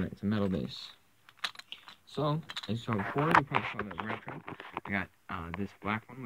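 A man's voice: on the low side, very noisy. Man rambling through a lo-fi toy haul. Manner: rambling, with many fillers. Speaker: toy collecting vlogger. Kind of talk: casual haul vlog. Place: indoors, camera pointed at toys on a carpeted floor.

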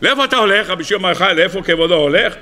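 A man's voice: high voice, animated, bright, forceful tone, heavily acted. A man voicing a sly, helpful male demon who talks in a reassuring, offhand way. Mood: coaxing.

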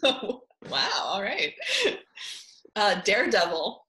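A woman's voice: mid-range voice, very animated, slow, pushed and bright. A woman co-hosting a podcast, reading out quiz clues and laughing often between them. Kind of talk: casual podcast game banter.

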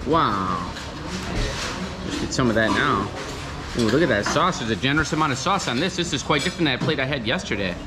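A travel vlogger in his thirties films a casual video at a seaside restaurant and along the promenade, moving between indoors and out with a handheld action camera at arm's length. His mid-range voice is expressive and a little fast, and he enthusiastically says "wow" a lot.

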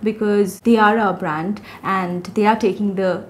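A woman's voice: medium pitch, fairly even intonation, measured pace, a little hiss or hum. Composed woman speaking for her institute. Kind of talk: interview.

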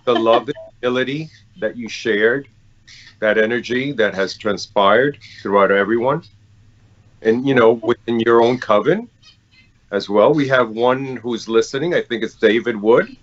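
A man's voice: mid-range voice, measured pace, highs cut off. A man hosting a podcast, praising his guest and often repeating words as he gathers his thoughts. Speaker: podcast host. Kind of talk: casual podcast chat. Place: at someone else's home, not his own.

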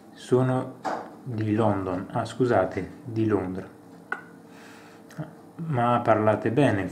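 A man reading a French lesson dialogue aloud slowly and carefully, translating it line by line with quick asides. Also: fairly low pitch, darkish tone, echoey room, slight background noise. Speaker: language learner reading a course aloud.

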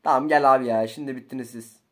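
A young man, commentating his own gameplay casually, slangy and excitable, swinging between low muttering and loud outbursts. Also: fast. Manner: slangy, swears often. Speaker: gaming YouTuber.

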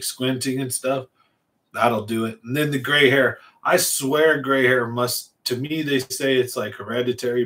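A man's voice: mid-range voice, fairly bright tone. Male host, 40, fishing livestream, easygoing and rambling; small home room, big studio mic up close. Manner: rambling, laid-back, reads and answers chat. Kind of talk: casual livestream chat. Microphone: large studio mic on a stand in front.

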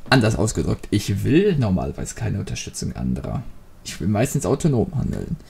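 A man's voice: fairly low pitch, sing-song, a little fast, vocal fry, darkish tone, husky. A man hosting a Let's Play, commenting on the game with jokey, rambling free association. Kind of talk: joking gameplay commentary.

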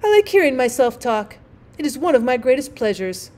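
A woman's voice: high-pitched, sing-song, fairly quick, a little mellow. Woman putting on a pompous, vain male storybook rocket. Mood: haughty, boastful. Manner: haughty, declamatory, boastful. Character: pompous, vain male firework rocket, haughty and self-satisfied.

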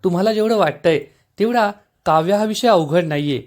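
A gentle young elder sister who patiently explains and reassures, read by a man. The voice sits slightly high and stays level and calm. It is a plain read, not a strongly acted one. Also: a little fast, close to an everyday voice.

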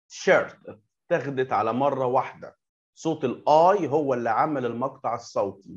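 A young adult man with an Egyptian Arabic accent teaching English to young pupils, patiently repeating words and asking checking questions. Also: medium pitch. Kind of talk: online lesson explaining to young pupils. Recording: dull lo-fi recording.

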